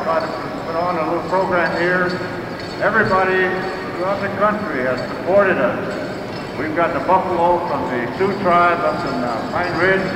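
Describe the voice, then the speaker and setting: Male powwow emcee, high-pitched, making public announcements; distant mic, long reverberant PA sound. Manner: drawn-out announcements, calling out names and roles. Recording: echoey PA, distant, clearly noisy.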